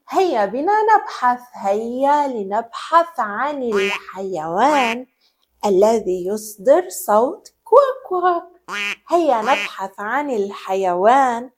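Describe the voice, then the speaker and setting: A young woman leads a lesson for small children in a sing-song manner. Her voice sits high and swoops widely as she imitates farm animals. She speaks slowly and deliberately, stretching out her words. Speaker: children's teacher.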